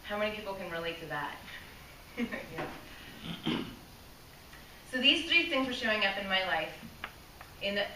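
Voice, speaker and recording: A woman addresses a club audience with a prepared speech, earnest and direct, posing questions to the room and now and then losing her place and restarting. Her medium-pitched voice is animated, at a moderate pace with frequent pauses, heard from afar in an echoey room with faint hiss.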